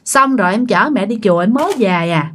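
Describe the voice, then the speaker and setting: A woman doing a gentle aunt. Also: medium pitch, lively intonation, a little fast, a little hiss or hum, lightly acted. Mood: anxious. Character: gentle young aunt, mild-mannered woman.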